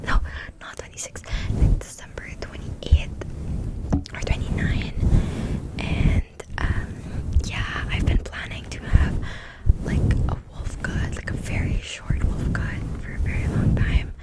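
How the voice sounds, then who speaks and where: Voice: measured pace, poor audio. A young adult ASMR creator whispering a casual catch-up to the viewers, repeating trigger words over and over into a close, fluffy-covered mic. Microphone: sensitive mic with a fluffy cover.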